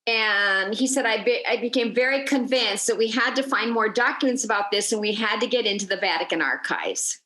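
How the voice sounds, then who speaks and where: A woman's voice: a little high, brisk, hardly any pauses, roomy sound. A woman guiding a virtual tour, telling a story with energy and acting out the people she quotes. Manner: lively storyteller, acts out quoted voices. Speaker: tour guide.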